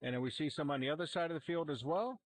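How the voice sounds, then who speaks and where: A man calling a high school football game, relaxed and rambling with plenty of fillers. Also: fast, dry recording. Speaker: play-by-play commentator. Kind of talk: amateur sports commentary. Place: outdoor football stadium sideline. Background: cheering fans.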